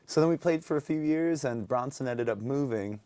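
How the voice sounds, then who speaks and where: A man's voice: medium pitch, a little fast, warm tone, clean tone, dry recording. A man in his twenties from North Dakota, a guest musician telling long rambling stories with many fillers in a casual interview. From North Dakota, USA. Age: 20s.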